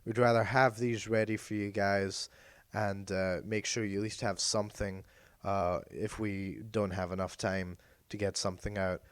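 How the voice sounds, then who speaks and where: A podcast co-host with a fairly low, level voice speaks at normal speed, hoarse and losing his voice from being sick. His talk in this casual chat podcast meanders and hesitates, often correcting itself, with no echo in the recording.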